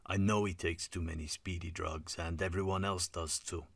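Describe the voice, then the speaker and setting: Wry russian lab manager, low and dry, slight rolled r , guy narrating does him. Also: flat delivery, normal speed, vocal fry, breathy edge, no room sound, heavily acted. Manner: soft rolled R.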